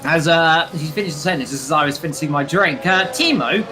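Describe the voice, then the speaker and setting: A young man commentating a sim racing league, chatty and excitable, shouting at crashes. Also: a little high, brisk, over music. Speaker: race commentator.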